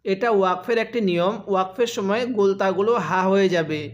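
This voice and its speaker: A man teaching Quran reading step by step, patiently asking and answering his own questions between slow, drawn-out chanted recitations. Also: sits high, dull audio. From Bangladesh.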